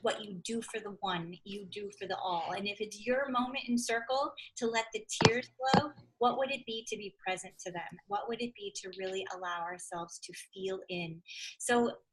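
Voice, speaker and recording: A woman's voice: medium pitch, moderate pace, noisy background. A woman co-hosting a live panel, talking with earnest passion and acting out quoted voices. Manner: earnest, impassioned, quotes others in little voices. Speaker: co-founder, circle facilitator. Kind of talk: livestream panel talk.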